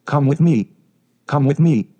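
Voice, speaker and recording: A man's voice: mid-range voice, animated, a little fast, dark tone, slightly rough. A man voicing a frightened young society mother, pleading in a raised voice in a storybook reading.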